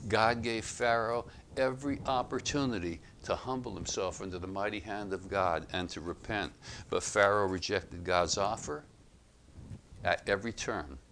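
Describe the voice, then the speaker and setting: A man giving expository Bible teaching, reading passages aloud and explaining them in a measured, emphatic way. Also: deep voice, fairly bright tone, slight background noise.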